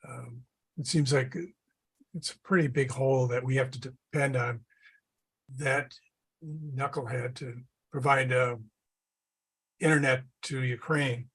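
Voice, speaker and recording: A man's voice: medium pitch, fairly even intonation, a little slow, long pauses, fairly bright tone, breathy edge. A man calling in to a talk show with blunt, skeptical comments. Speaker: caller. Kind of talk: call-in comment.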